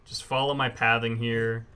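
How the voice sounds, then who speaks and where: A man with a mid-pitched, bright and forward voice gives casual commentary for a gameplay tutorial. He explains each step informally, as a speedrunner showing others the route.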